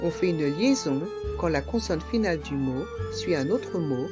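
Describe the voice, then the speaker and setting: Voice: mid-range voice, animated, normal speed, music in the background. A pronunciation teacher giving a language lesson, carefully articulating each word and repeating it several times. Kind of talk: pronunciation lesson with slow repetitions.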